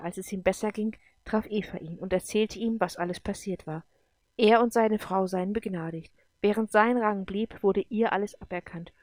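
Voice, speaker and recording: Woman reading a story aloud, steady and even, dry close sound. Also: mid-range voice, dry recording. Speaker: narrator. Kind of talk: audiobook reading.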